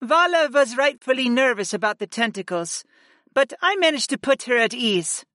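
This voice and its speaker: A man's voice: very high-pitched, lively intonation, moderate pace, bright, forceful tone, dry recording, studio quality, voice pushed up, exaggerated voice. A man voicing an earnest, reassuring young woman princess in an audiobook. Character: composed young woman princess, caring sister.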